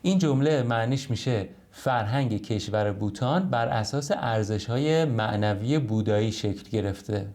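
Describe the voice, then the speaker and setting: A man's voice: lowish voice, few pauses, darkish tone. A man teaching English in an explanatory lesson, modeling English words and sounds as he explains.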